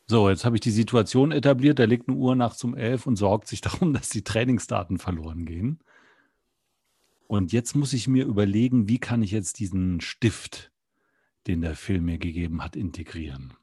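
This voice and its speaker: A man with a husky, slightly breathy voice who tells a story off the cuff and stops to reason aloud about his next move. The sound is dry and close. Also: on the low side, moderate pace, mellow, dry recording. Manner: thinking aloud, explaining his steps. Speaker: improviser. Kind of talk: improvised storytelling with think-aloud commentary.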